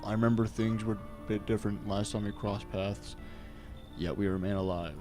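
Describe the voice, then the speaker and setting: A man voicing a calm, mysterious male fortune teller who talks slowly and cryptically. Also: lowish voice, over music, pitched below the performer's own voice, lightly acted. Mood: solemn, cryptic. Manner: slow, solemn, cryptic.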